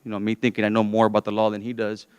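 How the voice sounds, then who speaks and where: A man's voice: on the low side, completely flat delivery, very fast, a little mellow, clean tone, no echo. A man giving a prepared farewell speech as a city commissioner, formally and with personal asides. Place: city council meeting.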